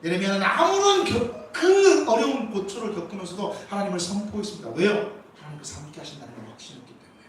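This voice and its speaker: Rhetorical questions pour out as a pastor delivers an emphatic Sunday sermon in a church sanctuary. His high-pitched voice swings widely in pitch at a quick pace, heard from a distance amid echo and faint noise.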